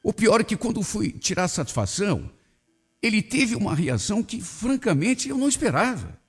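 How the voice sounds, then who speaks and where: Husky man reading a dramatic tale. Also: high-pitched, big pitch swings, normal speed, soft background music. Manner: emotional, swinging between indignation and pity. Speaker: radio host reading a listener's story. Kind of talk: dramatic first-person story reading.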